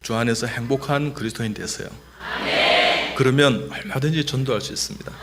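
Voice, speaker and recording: A man's voice: medium pitch, fairly quick, heavy background noise. A middle-aged man, a doctor, giving a humorous testimony in church and leading the congregation in repeating phrases. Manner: lively, joking, leads the congregation in repeating phrases.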